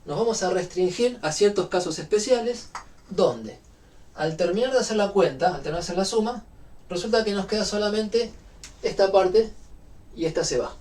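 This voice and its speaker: A man's voice: high-pitched, animated, normal speed, darkish tone, far from the mic. A man with a Rioplatense Spanish accent giving a university physics lecture, explaining step by step with frequent fillers.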